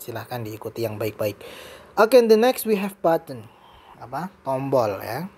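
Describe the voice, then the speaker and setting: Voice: mid-range voice, very animated, measured pace, dark tone, breathy edge. An English teacher with an Indonesian accent, giving a bilingual vocabulary lesson and switching between English and Indonesian with playful asides.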